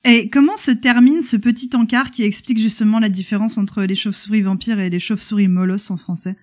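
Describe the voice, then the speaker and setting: Woman, podcast co-host, casual chat, wry, hesitant fillers, average pitch. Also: fairly even intonation, brisk. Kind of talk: casual book discussion.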